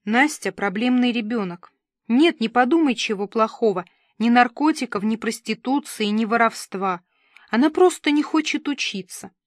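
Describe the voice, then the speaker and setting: A woman's voice: fairly high pitch, expressive, moderate pace, dry recording, studio quality. A woman reading the lines of a worried, weary middle-aged neighbor who talks in a gloomy, matter-of-fact way.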